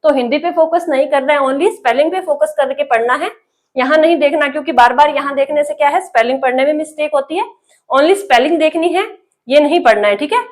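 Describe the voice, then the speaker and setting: A woman's voice: high-pitched, fast. A woman teacher, spelling English words letter by letter and reading them out for learners. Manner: spells letter by letter, then says the word, asks the viewer.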